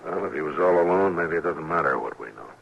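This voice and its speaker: A man with an American accent playing a stern, patient frontier marshal in an old-time radio drama, speaking in terse, measured, commanding lines. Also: deep voice, expressive, vocal fry, a bit bright, lo-fi sound, heavily acted. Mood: pondering, somber. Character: stern, steady western US marshal, grave and patient. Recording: noisy vintage radio recording.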